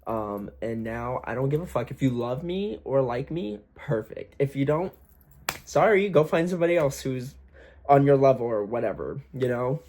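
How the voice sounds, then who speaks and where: An aspiring singer talks candidly to camera about his singing plans, pushing his voice deliberately higher so it sounds slightly forced. This young man is animated, with a medium pitch and darkish tone, swearing freely and using plenty of fillers.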